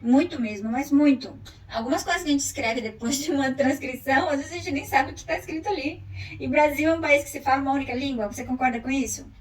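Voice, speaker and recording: Uma mulher com sotaque brasileiro dando uma aula gravada, em tom explicativo. Ela lança perguntas retóricas aos alunos. A voz é aguda e soa um pouco distante do microfone. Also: female voice, high-pitched, quick pace, roomy sound. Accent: Brazilian Portuguese. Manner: explanatory, asks the class rhetorical questions. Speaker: teacher. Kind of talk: recorded online lesson.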